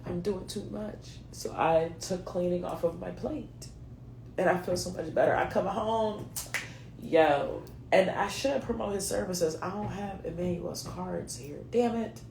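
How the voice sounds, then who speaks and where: Her low, creaky, darkish voice is unhurried and reverberant, with a little hiss or hum in a rough recording. She is a late-thirties woman with a mixed US East Coast accent (New England, Philadelphia, North Carolina, Delaware), giving a chatty, slangy card reading directly to her viewers.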